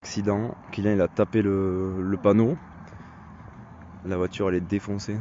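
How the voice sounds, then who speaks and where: Male, slightly low voice, casual spontaneous chat, dull lo-fi recording with faint noise. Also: level tone, moderate pace, mellow. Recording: muffled, noisy clip from outdoors or car.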